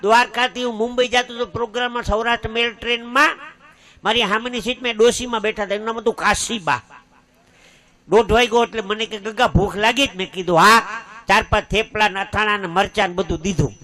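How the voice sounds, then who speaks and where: Bright high-voiced man telling a joke. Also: steady tone, fast. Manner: folksy anecdote with acted quotes. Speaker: comedian. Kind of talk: comic storytelling.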